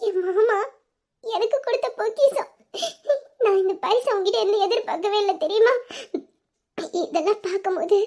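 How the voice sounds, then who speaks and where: A woman's voice: very high-pitched, a little mellow. A woman voicing a shy, affectionate young bride in a romantic audio drama, coy and teasing, then tearful and gushing.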